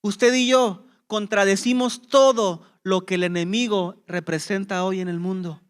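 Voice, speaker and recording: A man's voice: sits high, steady tone, a little slow, clear, resonant tone. A man preaching a sermon as pastor, with impassioned emphasis and rhetorical questions to the congregation.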